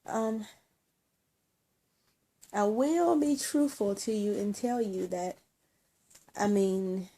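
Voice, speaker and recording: A woman talking in a casual personal vlog, emotional and teary, halting with many ums and restarts. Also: mid-range voice, dark tone. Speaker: vlogger.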